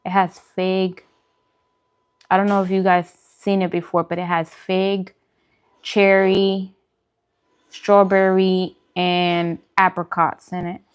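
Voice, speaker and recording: With a clean, mid-range voice that barely moves in pitch, the food and vlog host talks slowly and pauses often. She answers viewers' questions in a casual eating-show chat, keeping it conversational and repeating phrases for emphasis.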